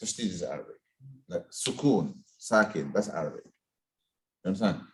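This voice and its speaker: A man whose first language is Bengali teaching Quran recitation in a live class. He corrects students patiently and models words slowly. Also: sits low, lively intonation, a little hiss or hum.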